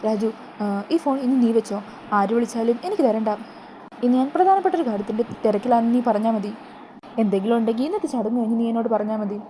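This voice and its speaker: Cold rich father voiced by a woman, commanding, measured, mellow. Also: fairly high pitch, a little hiss or hum, close to an everyday voice, low-quality recording. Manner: commanding, slow. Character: stern wealthy father, proud and cold.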